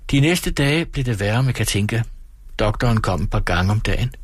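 A man reading a novel aloud as an audiobook narrator, calm and steady. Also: on the low side, breathy edge, no echo. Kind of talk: scripted narration.

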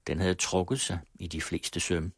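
A man reading a novel aloud on the radio, measured, letting phrase ends fall away. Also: sits low, level tone, no room sound, clean studio sound. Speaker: radio reader.

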